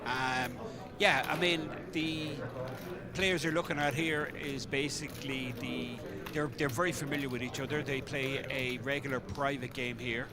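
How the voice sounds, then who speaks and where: An Irish man offers relaxed, chatty live poker commentary, full of colloquial phrasing and hesitant asides. His voice sits at a medium pitch with fairly even intonation and a moderate pace. It's a live recording with loud crowd chatter in the background.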